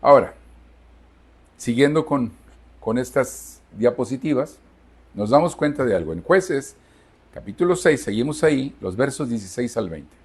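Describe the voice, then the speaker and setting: At normal speed but with long pauses, a Mexican pastor in his sixties speaks in a husky mid-range voice full of lively intonation. His Sunday sermon is emphatic, built on questions he asks the congregation and answers on his own.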